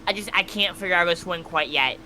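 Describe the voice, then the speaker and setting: Female co-host, low and bright-toned, opinionated and enthusiastic. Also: quick pace. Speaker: podcast co-host. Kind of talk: casual podcast chat.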